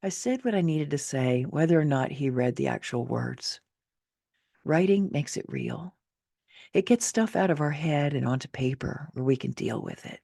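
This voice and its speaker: A woman reads her own personal story as author and narrator, candid and wry, with casual asides in an expressive memoir reading. Her deep, warm voice has vocal fry, expressive delivery, and normal speed. The studio sound is clean, with no room sound.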